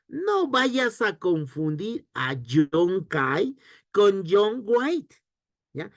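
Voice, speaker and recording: Lively male teacher. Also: high voice, dry recording, studio quality. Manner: lively, rhetorical questions to students. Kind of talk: online history lesson.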